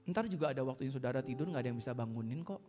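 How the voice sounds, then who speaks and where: A man, a pastor preaching a chatty, joking sermon that mixes in English phrases and swells into loud exhortation. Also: expressive, racing. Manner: rises to loud, high exhortation. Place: church auditorium. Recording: hall reverb with music behind.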